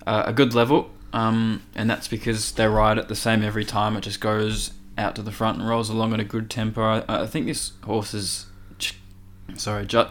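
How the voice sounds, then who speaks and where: Male racing analyst, fairly low and monotone, casual but halting delivery. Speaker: racing podcast tipster.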